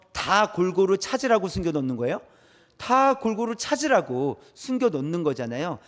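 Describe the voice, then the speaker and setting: A man preaching a midweek sermon in a church, speaking in a bright, high register. His pitch swings widely as he talks. He keeps it conversational and often puts questions to the congregation. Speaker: pastor.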